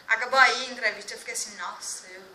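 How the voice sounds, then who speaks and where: A woman's voice: a little high, bright, forceful tone, a little hiss or hum. Chatty young woman in an echoey room. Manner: chatty, quick, trips over words. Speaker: vlogger giving job interview tips. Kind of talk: casual chat.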